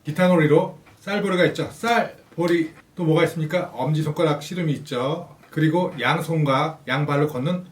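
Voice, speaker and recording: Guy reading play instructions calmly, sounds far off in an echoey room. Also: a little high, brisk, few pauses. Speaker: host explaining children's play. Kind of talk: scripted instructional narration. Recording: roomy, distant voice-over with faint music.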